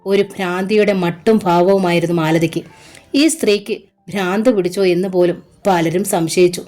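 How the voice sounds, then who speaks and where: A woman's voice: mid-range voice, darkish tone. A woman narrating a novel as an audiobook, with an emotive, dramatic reading.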